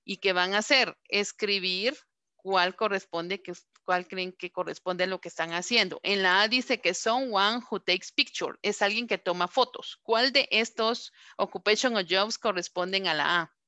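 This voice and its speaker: A woman teaching a class, repeating words slowly and asking questions over and over. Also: medium pitch, sharp tone, no echo. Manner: slow, drawn-out word modelling and repeated questions. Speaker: English teacher. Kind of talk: online class instruction.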